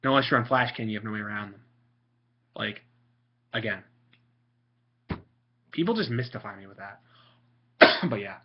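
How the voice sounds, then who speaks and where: Speaking at normal speed with a breathy edge, this young man from Italy pauses often while he mocks and jokes sarcastically about game strategy. The vlogger leans on frequent fillers, and his home setup sounds muffled and low-fi.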